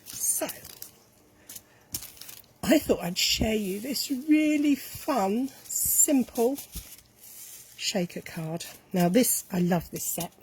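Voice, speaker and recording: Croaky-voiced woman demonstrating a craft. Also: a little high, lively intonation, extremely slow, long pauses, a little mellow, a little hiss or hum. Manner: chatty, self-correcting, talks while working with hands. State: slightly croaky voice. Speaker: craft tutorial host. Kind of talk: casual step-by-step craft demonstration.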